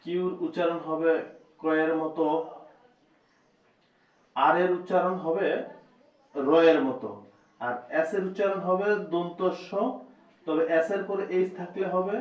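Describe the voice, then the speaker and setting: A man teaching a slow spoken lesson and repeating each point several times. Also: high-pitched. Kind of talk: spoken lesson on reading letters. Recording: echoey, distant, dull lo-fi room sound.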